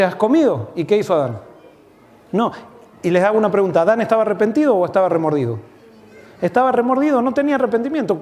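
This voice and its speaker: A man preaching a sermon as pastor, earnest, swelling on key points and dropping low and soft when reading scripture. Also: in a large hall.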